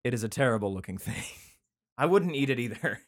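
In an indoor room with a cat, a man with a mid-range, animated voice reads scripture aloud at a fairly quick clip, irreverent and profane, wandering off into rambling casual asides. It's a casual comedic reading mixed with chat, and the studio sound is clean with no echo.

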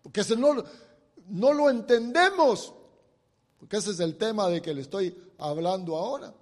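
A middle-aged man preaches a sermon, dramatically retelling a Bible story with acted quotes and speaking directly to listeners. His voice sits high and animated at a normal pace, with a big-room sound.

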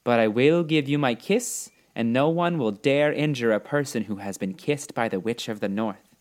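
A man's voice: mid-range voice, normal speed, a little mellow, close to an everyday voice. A man voicing a kindly little old woman, a good witch in a storybook, with a solemn, reassuring manner. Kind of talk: storybook character reading.

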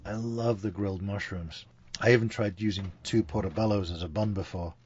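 A man's voice: fairly low pitch, steady tone, a little fast, a little mellow, breathy edge, highs cut off. A man hosting a podcast, chatty and enthusiastic about food and beer. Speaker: podcast host. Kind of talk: casual chat.

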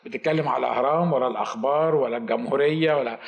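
A man's voice: medium pitch, very fast, vocal fry, roomy sound. A man with an Egyptian accent, a pastor telling a story in a sermon and acting out the dialogue. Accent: Egyptian Arabic. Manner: animated, acts out dialogue.

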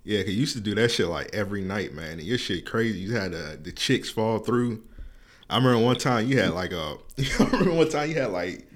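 A man's voice: lowish voice, lively intonation, fairly quick. A man hosting a podcast, chatting loosely with lots of slang and filler words. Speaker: podcast host. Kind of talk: casual interview chat.

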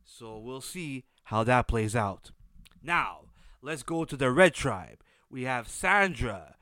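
A man's voice: medium pitch, expressive, slow, bright, forceful tone, no room sound, clean studio sound. A man with a nasal, stuffed-up voice from a blocked nose, giving a casual recap as a solo host with emphatic delivery. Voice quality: nasal, congested. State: blocked nose from sinus issues.

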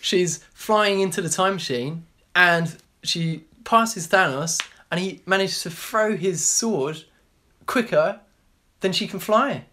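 A man's voice: sits high, slow, bright, forceful tone, slight background noise. Blunt, sweary man debating casually. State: hungover. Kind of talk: heated casual film debate with friends.

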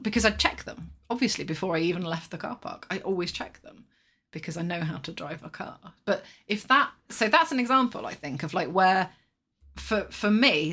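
A woman co-hosting a podcast in casual chat, talking quickly over her partner with frequent restarts. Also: fairly low pitch, a bit bright, breathy edge. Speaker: podcast co-host.

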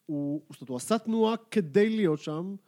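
Measured, analytical man, slightly high voice. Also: animated, warm tone. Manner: measured, analytical, builds arguments step by step. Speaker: podcast co-host. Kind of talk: casual sports chat.

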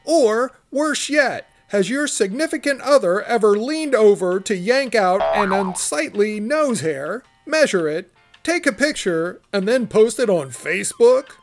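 A woman reading a mock commercial voice-over in a bright, salesy announcer manner. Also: medium pitch, expressive, a little slow, soft background music.

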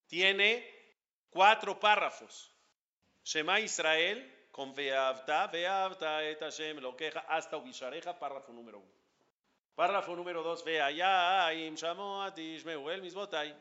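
A man leads a lively religious class, firing questions at his listeners and chanting lines of Hebrew prayer. His voice is bright and a little high. The recording is dull and lo-fi. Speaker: rabbi teaching a class.

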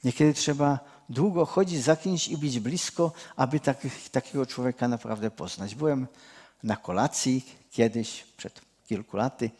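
A man's voice: medium pitch, normal speed, darkish tone. Earnest male preacher. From Czech Cieszyn region. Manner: earnest, addresses listeners directly, often restarts, rises when stressing a point. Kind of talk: sermon.

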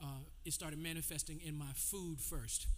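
A man in his forties preaching to his congregation, his voice sitting high. He moves between call-and-response and a loose, conversational telling of his testimony. The sound rings out with a long reverb from the church hall. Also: fairly even intonation, normal speed. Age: 40s. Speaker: pastor. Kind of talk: sermon. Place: church sanctuary.

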